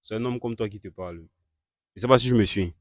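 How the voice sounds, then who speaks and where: A man hosting a staged street-interview skit, questioning a couple and repeatedly urging an angry guest to calm down. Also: lowish voice, fast talker, no room sound, clean studio sound. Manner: keeps urging calm, repeats calming phrases.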